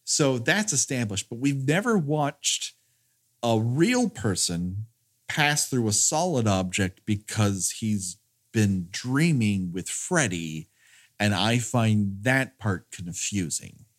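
A man hosting a podcast, discussing films casually in a halting, stammering way. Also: fairly low pitch, very animated. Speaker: podcast host.

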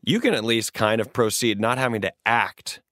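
A man's voice: lowish voice, expressive, normal speed, fairly bright tone, dry recording. Earnest man in his thirties, dry studio sound. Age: 30s. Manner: earnest, rambling with restarts. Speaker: podcast co-host giving advice. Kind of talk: casual advice chat.

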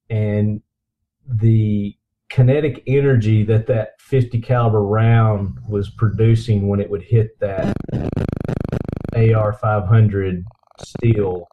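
A man hosting a podcast in enthusiastic casual chat, recorded through a computer's built-in microphone. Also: lowish voice. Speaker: podcast host. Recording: dull lo-fi computer microphone pickup.

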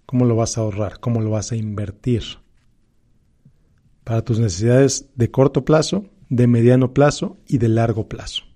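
Male financial presenter, Mexican accent. Soft-edged, relaxed tone, mid pitch, emphatic advisory delivery with repeated key phrases. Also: normal speed. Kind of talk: motivational personal finance talk.

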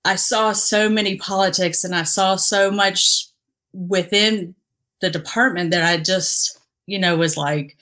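A woman's voice: medium pitch, fairly even intonation, unhurried, bright, forceful tone. A woman who grew up in the Dominican Republic, speaking as an interview guest about her past career as a police officer, earnest and reflective, with lots of fillers and restarts. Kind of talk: candid conversational interview.

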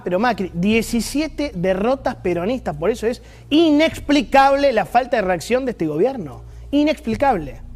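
A man's voice: sits high, darkish tone. A man with an Argentine accent delivering emphatic, sarcastic political opinion commentary as host. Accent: Argentine Rioplatense Spanish.

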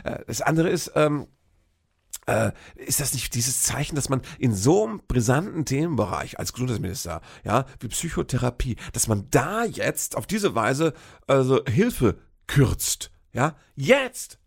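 A man's voice: mid-range voice, big pitch swings, a little slow, creaky, slightly rough. A man in a casual, rambling political rant, sarcastic and full of fillers and restarts.

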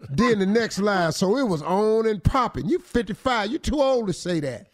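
A man's voice: high voice, very animated, moderate pace, dry recording, clean studio sound. A man co-hosting a comic advice talk segment, teasing the letter writer and acting out his lines. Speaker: radio show co-host giving advice. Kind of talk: comic relationship advice chat.

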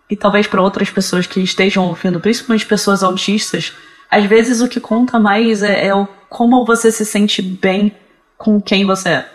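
Male podcast guest, cracking reedy voice, mid-pitched between male and female, halting and reflective. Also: fairly bright tone. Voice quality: cracking, reedy voice from early gender transition. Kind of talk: casual, reflective advice and personal account.

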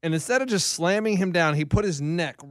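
A man's voice: high-pitched, animated, a little fast, dry recording, clean studio sound. A man co-hosting a casual sports chat show, retelling games and fights in an emphatic play-by-play way. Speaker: podcast co-host.

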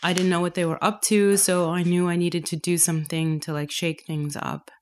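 A woman's voice: lowish voice, moderate pace. A woman from Canada, a painter, talking casually in an interview and laughing often. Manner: laughs often, relaxed and chatty. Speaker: guest painter.

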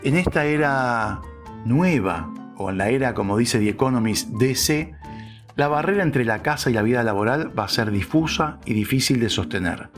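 A man's voice: mid-range voice, animated, moderate pace, faint music behind. A man reading a scripted opinion piece with wry, sarcastic asides. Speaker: narrator.

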